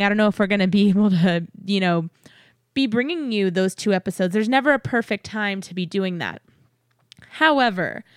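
A woman's voice: medium pitch, no room sound, clean studio sound. A woman hosting a podcast, giving listeners a chatty update in a cheery, enthusiastic way. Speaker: podcast host. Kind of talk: upbeat podcast announcement, chatty.

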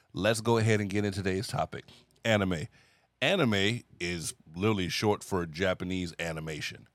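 Low-voiced male podcast host, dry sound. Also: no echo. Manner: laughs easily, relaxed and talkative. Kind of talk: casual podcast chat.

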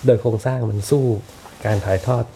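A middle-aged man talking as a podcast guest in a reflective, unhurried way, often restarting and repeating words. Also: mid-range voice, dark tone. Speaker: podcast guest, architect and teacher. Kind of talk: casual podcast conversation.

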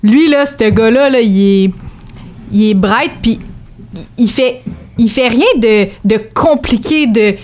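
A woman with a Québécois accent, a boxer guest telling lively anecdotes in a casual chat. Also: a little high, slow, a little hiss or hum. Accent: Québécois French. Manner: animated anecdote teller, acts out quotes.

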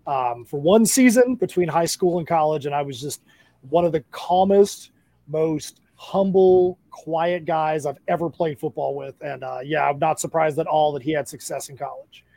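A man's voice: fairly high pitch, normal speed, vocal fry, mellow, no echo. A man from South Florida with an American accent, casually hosting a sports discussion. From South Florida, USA. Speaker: sports podcast host.

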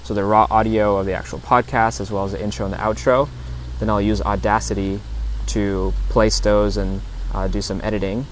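Man, lowish voice, casual podcast host, halting step-by-step explanation, lapel mic in an open field, outdoor background noise. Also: little pitch movement, rough recording. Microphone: lapel lavalier into a phone. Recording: outdoor park recording with clear background noise.

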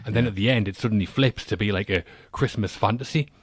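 A man's voice: fairly low pitch, quick pace, a little hiss or hum. A British man delivering confident, opinionated film verdicts in casual podcast chat.

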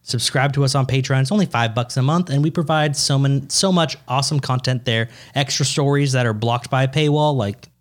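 Young man, twenties, podcast co-host; playful teaser, laughs a lot, squeaks up high when worked up. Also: a little fast, hardly any pauses. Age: 20s. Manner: teasing, laughs often, voice jumps high when excited. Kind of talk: casual podcast banter.

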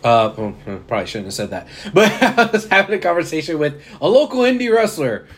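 A man's voice: fairly high pitch, sing-song, fairly quick, fairly bright tone. A man co-hosting a casual wrestling chat, rambling with restarts and frequent laughs. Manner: rambling, self-interrupting, laughs often. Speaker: podcast co-host.

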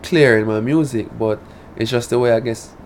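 A man's voice: medium pitch, normal speed, a little hiss or hum. A man with a Jamaican accent and a rural drawl, a Patois speaker talking casually as an artist being interviewed. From rural Jamaica (Saint Elizabeth). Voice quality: country drawl.

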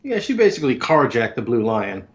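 A man's voice: medium pitch, big pitch swings, a little fast. A man co-hosting a podcast with casual, informal, joking reactions. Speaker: podcast co-host. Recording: slightly dull, lo-fi sound.

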